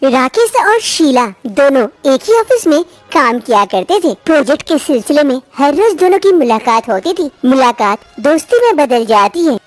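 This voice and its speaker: A woman narrating a family story in a plain, steady storytelling way. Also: high voice, normal speed, hardly any pauses. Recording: faint music underneath.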